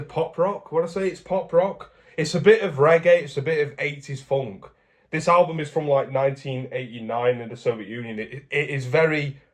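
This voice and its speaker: A man from England chats loosely to his camera, circling back and restating himself as he talks. His pitch sits right in the middle for a man, with an easygoing, rambling vlog delivery. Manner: rambling, chatty, self-correcting. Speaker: vlogger. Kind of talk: casual vlog talk.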